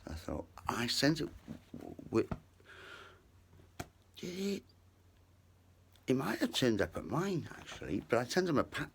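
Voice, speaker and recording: A man's voice: medium pitch, wildly swooping pitch, measured pace, vocal fry, pauses often, fairly bright tone, slight background noise. A British man rambling casually to viewers from his bedroom, meandering between asides, with some trouble pronouncing his R sounds. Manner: meandering, digressive, talks to viewers. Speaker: vlogger. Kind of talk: casual, rambling vlog chat. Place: bedroom at home.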